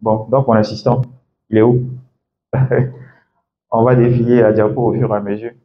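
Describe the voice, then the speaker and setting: A man's voice: mid-range voice, little pitch movement, moderate pace, phone-quality sound, slight background noise. A man working as an English coach gives a classroom lecture, explaining step by step and often checking in with "d'accord?".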